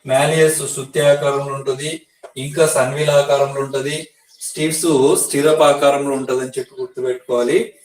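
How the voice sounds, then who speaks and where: A man's voice: mid-range voice, little pitch movement, normal speed. A male teacher giving an exam-prep science lesson, explaining step by step and repeating key facts for students to memorize. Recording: echoey room, voice from a distance.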